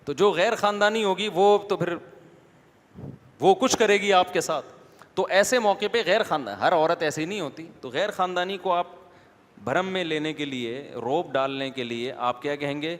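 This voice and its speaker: A male preacher gives a religious lecture, his voice sitting a little higher than most men's. He talks in a casual, conversational way and keeps putting questions to the audience. A long reverb trails behind him, as in a large hall. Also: fairly bright tone. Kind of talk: Islamic lecture.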